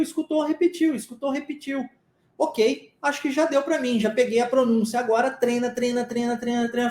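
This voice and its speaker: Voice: mid-range voice, darkish tone, roomy sound. A Brazilian English teacher giving a live lesson, drilling phrases by repetition and often checking that students understood.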